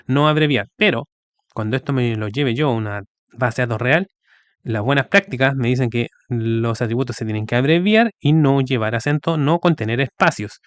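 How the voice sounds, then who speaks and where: A man's voice: medium pitch, moderate pace, dry recording. A man giving a recorded video lecture, explaining step by step and often checking with the students. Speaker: teacher.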